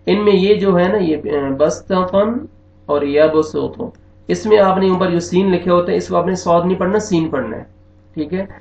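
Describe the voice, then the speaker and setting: A man's voice: high voice, steady tone, a little fast, a little mellow. A man teaching a Quran reading lesson, patiently repeating each rule and checking in with his students. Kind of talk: recorded online lesson. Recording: echoey, dull lo-fi room sound.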